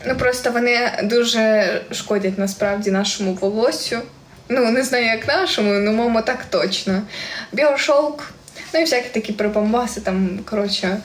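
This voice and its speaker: A woman's voice: on the high side, normal speed. A young woman from Ukraine speaking with a central Ukrainian surzhyk accent, chatting casually on a live stream and reading viewer comments aloud with frequent giggles. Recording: echoey room with faint ambient noise.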